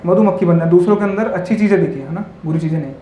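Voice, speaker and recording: A man's voice: high-pitched, racing, mellow, slight background noise. A man giving a spiritual talk to a live audience, telling parables and often checking in with questions to the listeners, mixing in English words. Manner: asks the audience constant tag questions; tells parables and stories. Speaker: monk speaker. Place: hall with an audience. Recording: echoey hall with faint ambience.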